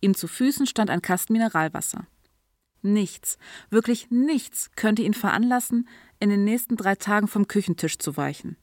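A woman reading a story aloud in an even, clear storytelling manner, now and then lightly voicing the characters. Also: mid-range voice, moderate pace, no room sound, clean studio sound. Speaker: narrator. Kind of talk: audiobook reading.

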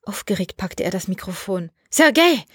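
A woman narrating a science fiction story aloud in a measured, expressive way. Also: mid-range voice, slightly rough, no echo, clean studio sound. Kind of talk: scripted audiobook narration.

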